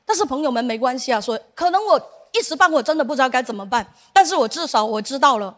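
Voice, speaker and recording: A woman's voice: sits high, lively intonation, rapid-fire. A young woman performing a stand-up set, telling stories and acting out the lines of the people in them. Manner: storytelling with acted-out dialogue. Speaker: stand-up comedian.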